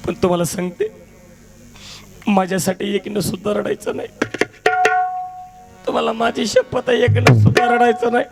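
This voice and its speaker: A man's voice: high voice, normal speed, creaky, pauses often, soft background music, pitched above the performer's own voice. A man performing a cheeky newly married village bride in folk devotional theatre, reciting rhyming verses in a teasing sing-song manner.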